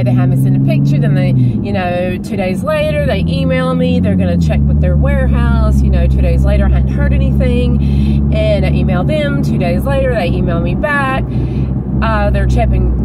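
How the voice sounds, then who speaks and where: A woman's voice: medium pitch, recorded from a distance. Chatty woman vlogging from her car. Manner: chatty, emphatic, repeats words for stress. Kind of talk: casual car vlog chat. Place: inside a moving car. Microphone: dashboard phone camera. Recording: loud road noise, camera set back. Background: road and engine noise.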